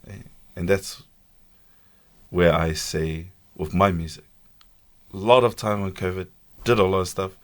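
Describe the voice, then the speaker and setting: A man's voice: sits low, a little slow, pauses often. A man with a broad Kiwi New Zealand accent chatting casually in a slangy, joking, self-deprecating way. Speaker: podcast guest, musician and streamer.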